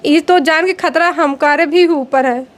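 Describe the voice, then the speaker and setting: High-voiced grieving mother, urgent. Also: a little slow. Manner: urgent, distressed pleading. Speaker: victim's mother. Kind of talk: interview testimony.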